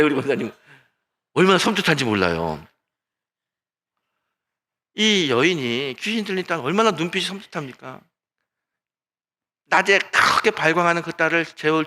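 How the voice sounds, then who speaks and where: Male pastor, high bright voice, dramatic Sunday sermon delivery, drops to a hush and rises to loud peaks. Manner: dramatic storytelling, acting out voices; swings between hushed and loud. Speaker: senior pastor.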